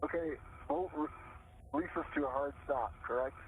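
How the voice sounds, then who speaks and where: A man's voice: on the high side, moderate pace. A male astronaut talking in terse procedural phrases from inside a spacesuit helmet over a radio link. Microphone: spacesuit helmet headset. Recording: narrow phone-like radio, faint noise.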